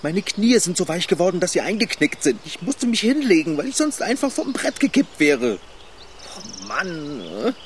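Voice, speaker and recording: A man's voice: sits high, sing-song, normal speed, slight background noise. A man voicing a timid, panicky character afraid of heights in a radio play, talking in an anxious, whiny way.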